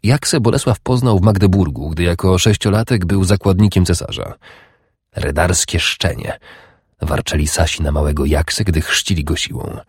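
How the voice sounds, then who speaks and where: A man reading a historical novel aloud as audiobook narrator, in measured, grave storytelling. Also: low-pitched, a little mellow, slightly rough, no echo, clean studio sound. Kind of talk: scripted narration of historical fiction.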